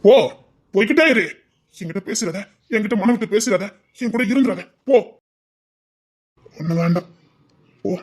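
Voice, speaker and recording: Man acting desperate young lover, Tirunelveli accent, high-pitched, pleading then shouting. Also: normal speed, pauses often. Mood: curt. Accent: Tirunelveli Tamil. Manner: swings from hushed pleading to shouting. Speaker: actor in a romance drama. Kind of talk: emotional drama acting.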